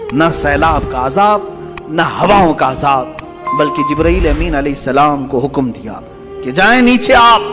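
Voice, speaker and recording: Male preacher, fairly high pitch, impassioned sermon delivery, reverberant hall with music behind. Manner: impassioned, rising to loud emphatic peaks. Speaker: Islamic preacher.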